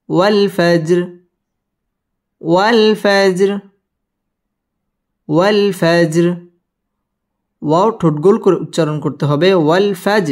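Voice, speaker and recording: A man teaching Quran recitation with tajweed, spelling out each verse and then chanting it slowly and melodically between brisk explanations. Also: high voice. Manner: slow drawn-out melodic recitation alternating with quick spoken explanations.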